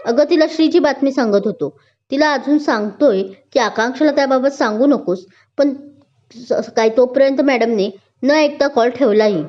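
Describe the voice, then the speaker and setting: A teasing, affectionate young husband, as a woman storyteller reads him in a storybook telling. The voice sits fairly high, with a mellow, soft tone. It comes through a dull lo-fi recording. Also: normal speed, natural voice. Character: young adult man, teasing playful husband.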